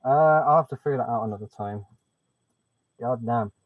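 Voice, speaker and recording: A man's voice: medium pitch, normal speed, no echo. Man, muffled like through a pipe. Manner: chatty, thinks aloud while fiddling with settings. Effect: muffled, hollow sound like talking through a pipe. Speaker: live streamer. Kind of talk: casual live-stream chat. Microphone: webcam microphone. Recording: dull, dry webcam mic sound.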